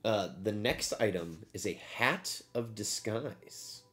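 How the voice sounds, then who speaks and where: A man with a fairly low voice narrates a tabletop game as game master. His pitch moves around a lot as he describes things for the players. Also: expressive, takes it slowly, a bit bright.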